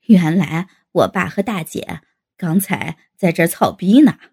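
Woman putting on a brash young man, gravelly and husky, teasing, loud fast bursts, storybook reading. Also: fairly low pitch, lively intonation, voice pushed down, heavily acted. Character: brash joking young man, crude teaser. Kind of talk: storybook character voice.

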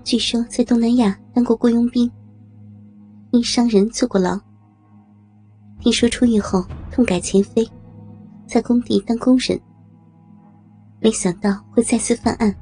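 A woman narrating an audio story with a steady, measured reading. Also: fairly high pitch. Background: faint music.

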